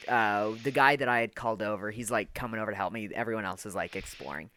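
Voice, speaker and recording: Bright-voiced man rambling through a story. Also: lowish voice, fast, a little hiss or hum. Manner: rambling storyteller, heavy on fillers and swearing. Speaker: podcast co-host. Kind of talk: casual chat.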